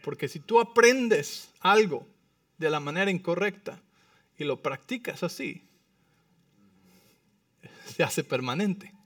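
Pastor preaching with emphatic call-and-response. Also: male voice, on the high side, expressive, takes it slowly, pauses often, dry recording, far from the mic. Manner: frequent tag questions to the congregation; shifts between soft intimate asides and emphatic lines. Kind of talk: sermon. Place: church.

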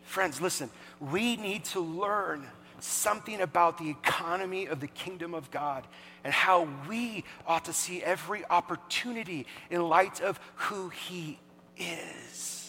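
Animated preacher in a reverberant hall. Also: male voice, sits high, unhurried, a little hiss or hum. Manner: animated, conversational preaching with acted-out dialogue. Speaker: pastor. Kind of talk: sermon. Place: church hall. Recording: echoey hall with long reverb.

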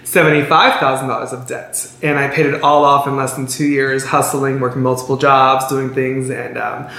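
A man's voice: medium pitch, flat delivery, normal speed, vocal fry, sharp tone. A man hosting a podcast interview, speaking in a supportive, enthusiastic way. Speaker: podcast host. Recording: echoey room.

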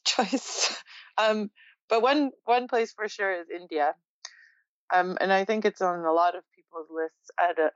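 This is a young woman born in Poland, chatting as an interview guest with a smooth, resonant, lowish voice. She is reflective and quick to laugh. The sound is dull and lo-fi. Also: dry recording. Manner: relaxed, reflective, laughs often. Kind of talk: casual interview chat.

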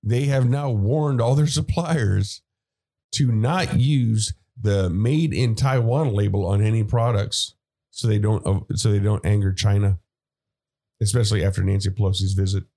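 A low-pitched man hosting a talk podcast. He walks through current events in a relaxed, conversational way, filling pauses with "uh" and "you know.". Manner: conversational, with fillers and asides. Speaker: podcast host. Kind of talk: casual political commentary.

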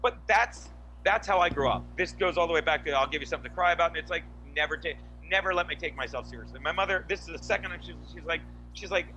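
A man telling stories in casual chat, animated and profane, acting out quotes loudly. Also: a little high, fast talker, dull audio, slight background noise. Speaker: comedian podcast guest.

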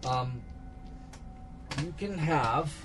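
A man's voice: fairly high pitch, lively intonation, extremely slow, background noise. A man narrating as game master, improvising loosely with fillers. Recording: background music.

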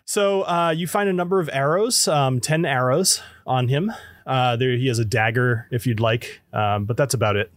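A man's voice: mid-range voice, normal speed, dry recording, clean studio sound. A man narrating as game master in an informal, conversational way during a tabletop game.

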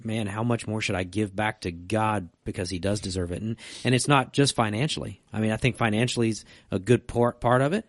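A man's voice: on the low side, fairly even intonation, fairly quick, hardly any pauses, no room sound, clean studio sound. A man co-hosting a church podcast, chatting casually and agreeing often. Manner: agreeable, frequent back-channel replies. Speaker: church staff co-host.

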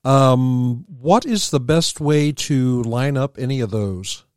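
A man's voice: mid-range voice, expressive, slow, no room sound, studio quality. A man working as a radio co-host, talking and reading announcements on air. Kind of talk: promotional announcement read and casual radio talk.

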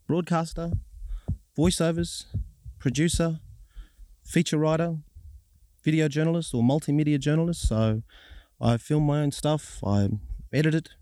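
Australian man, thirties, journalist being interviewed: warm relaxed tone, measured phrasing, close dry recording. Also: fairly high pitch, clear, resonant tone, dry recording. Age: 30s. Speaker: journalist and broadcaster. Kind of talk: reflective interview answers.

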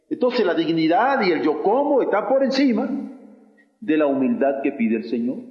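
A male pastor gives an emphatic sermon, swinging between loud and soft. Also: fairly high pitch. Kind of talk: sermon with personal story. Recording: echoey hall, dull lo-fi sound.

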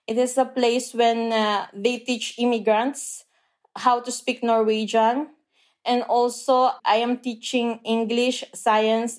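A Filipino woman whose first language is Tagalog speaks with a Filipino accent in a somewhat high, darkish voice. She's a language teacher explaining things earnestly in a casual interview, often pausing with "uh".

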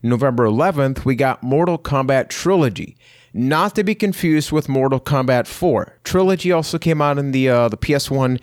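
A man's voice: medium pitch, animated, moderate pace, no room sound, studio quality. A man from Puerto Rico hosting a casual podcast, upbeat and playful, joking with his co-hosts. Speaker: podcast host.

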